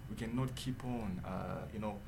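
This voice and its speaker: A young man, giving a studio interview. His voice sits fairly low, and he speaks earnestly and emphatically, often checking in with his listener. A faint hum of ambience lies under his voice. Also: normal speed, vocal fry, darkish tone. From Zimbabwe. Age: 20s. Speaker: guest entrepreneur. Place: radio studio.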